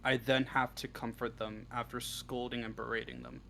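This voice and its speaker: Speaking at normal speed with flat delivery, a man with a mid-range voice that sounds pushed and bright answers as the guest writer in a casual interview. He writes audio roleplay scripts, hesitates and thinks aloud as he talks, and the recording has clearly noisy background sound.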